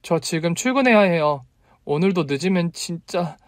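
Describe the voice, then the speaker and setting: A man's voice: fairly high pitch, expressive, a little slow, darkish tone, no echo, clean studio sound, voice pushed up. A man voicing a flustered young woman who snaps with indignant questions, reading a story. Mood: puzzled. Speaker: story reader.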